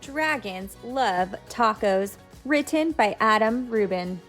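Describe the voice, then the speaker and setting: A woman teacher reads a picture book aloud to young children in a read-aloud lesson, speaking to them directly with simple words, explanations, and questions. Her voice is on the high side, animated, and fairly bright, she takes it slowly, and soft music plays in the background.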